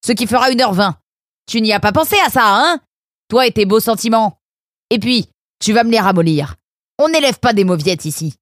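A man voicing a stout, bossy female fox nursemaid in a storybook reading, loud and harsh as she scolds. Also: very high-pitched, big pitch swings, fairly quick, dry recording, studio quality, pitched above the performer's own voice. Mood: scolding.

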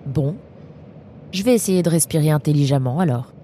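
A woman's voice: sits low, moderate pace, dark tone, a little hiss or hum, natural voice. A woman voicing a cheerful, teasing young male animal traveler in a storybook reading, talking playfully and chattily.

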